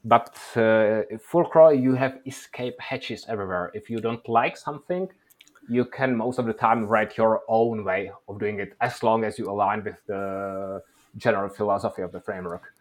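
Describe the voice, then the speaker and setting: A Czech man, a native Czech speaker with a Czech accent, answers interview questions in a measured, thoughtful way in a lowish voice. He is the guest in the interview and also a workshop presenter.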